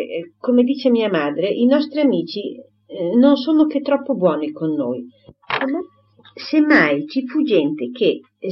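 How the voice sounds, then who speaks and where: A woman's voice: mid-range voice, lo-fi sound, a little hiss or hum, voice pushed up. A woman doing a breathless rambling spinster. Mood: gushing. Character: chattering talkative spinster, older woman.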